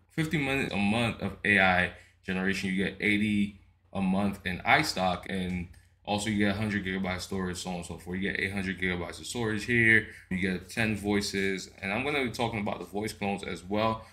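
A man's voice: on the low side, steady tone, brisk, sharp tone. A man hosting a casual tech tutorial, walking through a program step by step with chatty "right?" tags and frequent restarts. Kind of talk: casual screen-recorded software walkthrough.

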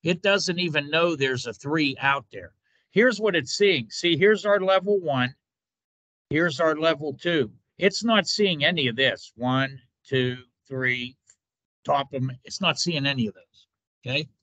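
Bright-voiced man teaching software steps. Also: a little high, measured pace, no echo. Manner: informal step-by-step instruction, repeated "watch". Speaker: instructor. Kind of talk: screen-recorded software tutorial.

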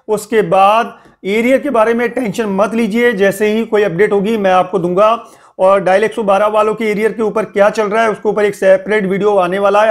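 A young man hosting a casual spoken news update, warning his viewers and scolding them with repeated pleas. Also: high-pitched. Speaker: news channel host.

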